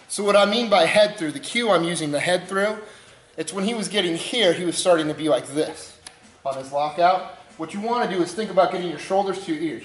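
A man's voice: fairly high pitch, fairly bright tone, reverberant, slight background noise, rough recording. A man coaching a lift in a gym, walking through the steps with short cues. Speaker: strength coach. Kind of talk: instructional demonstration.

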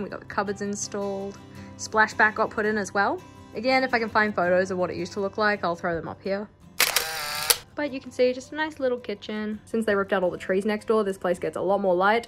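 A young woman gives a casual, chatty tour of her house with wry asides, filmed on a phone at arm's length. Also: medium pitch. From New Zealand. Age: young adult. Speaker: vlogger. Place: house, indoors, moving room to room. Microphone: phone held at arm's length.

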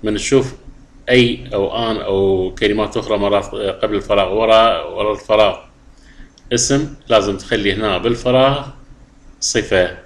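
A middle-aged man from Iraq, with an Iraqi Arabic accent and a lowish voice, is teaching a lesson. He reads English phrases slowly and deliberately and then explains them.

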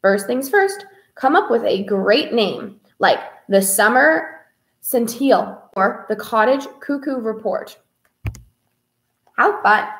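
A high-voiced young woman, a children's librarian, hosts a story-time read-aloud in a small indoor room with a whiteboard. She takes it slowly, expressive and sing-song in a child-directed way.

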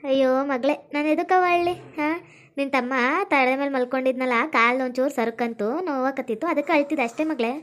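A woman's voice: high voice, a little fast, natural voice. A woman playing a protective, stubborn first-wife mother in a comedy skit, soothing and firm. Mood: tender.

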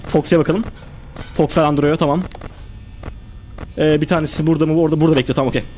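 A man's voice: fairly high pitch, steady tone, fast, a little mellow, faint music behind. A young man live-streaming a horror game, reacting tensely and chatting with his viewers.

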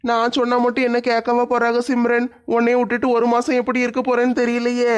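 A performer playing a mild, lovesick young husband in a comedy skit, speaking gently and sounding bewildered. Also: medium pitch, completely flat delivery, quick pace, clear, resonant tone, close to an everyday voice.

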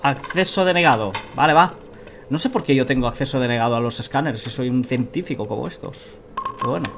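Talking quickly in a gravelly mid-range voice over music, this Spanish-accented man in his thirties hosts a let's play, muttering casual, colloquial commentary to himself and viewers. He's in an indoor room at a computer, seen on webcam, with noisy game audio behind his voice.

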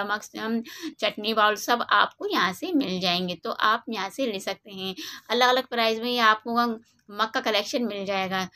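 A woman with a bright, mid-pitched voice narrates a casual shopping walkthrough. She moves through a large indoor store on a handheld phone, listing items and prices in a steady, repetitive rhythm. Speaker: shopping vlogger.

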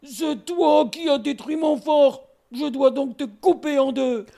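A woman's voice: high-pitched, unhurried, mellow. A woman voicing a proud, hot-tempered male bear warrior from a storybook, blustering and threatening as she reads aloud. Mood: angry.

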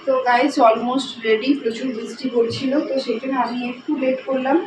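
Woman chatting to her vlog viewers, fairly high voice, noisy handheld camera sound. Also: little pitch movement, fast. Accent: Bengali. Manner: chatty, talks straight to viewers. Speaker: vlogger. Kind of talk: casual vlog narration. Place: home, then outdoors at a temple in rain. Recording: noisy outdoor sound, rain and traffic.

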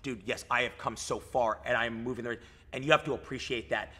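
A man's voice: medium pitch, fairly even intonation, fast, pushed and bright. A man in his thirties, a fitness coach talking in a casual podcast chat, hyped and swearing, saying "dude" and "like" a lot, recorded in a gym lounge. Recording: reverberant gym room.

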